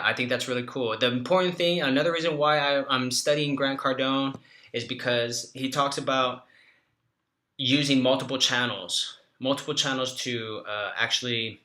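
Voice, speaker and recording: La guy rambling into his webcam, sharp bright voice, clears his throat a lot. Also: mid-range voice, echoey room. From Los Angeles County, California. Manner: rambling, self-correcting, frequent throat clearing. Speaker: marketing agency owner. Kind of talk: casual vlog talk to camera.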